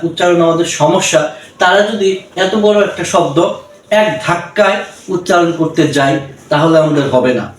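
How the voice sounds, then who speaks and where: A man with a Bangladeshi accent teaching English pronunciation, slowly and patiently spelling out each syllable and repeating it. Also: high-pitched. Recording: echoey room, voice from a distance.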